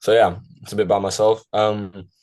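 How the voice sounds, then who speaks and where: Young man, from Ireland, podcast guest, very deep voice, monotone, casual rambling chat. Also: brisk. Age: young adult. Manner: rambling, full of fillers and self-corrections.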